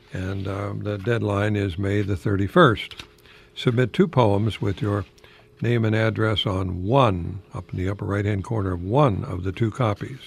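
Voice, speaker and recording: This older American man, a retired college professor now hosting radio, talks informally in a professorial way, tossing out rhetorical questions and reciting verse. His voice is on the low side and creaky.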